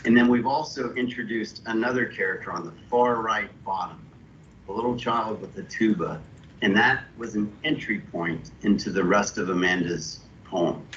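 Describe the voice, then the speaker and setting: A man on a video call, an illustrator thoughtfully explaining his artwork with halting restarts. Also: on the low side, fairly bright tone. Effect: heard over a video call. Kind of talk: walking through his artwork. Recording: muffled video call audio with faint hiss.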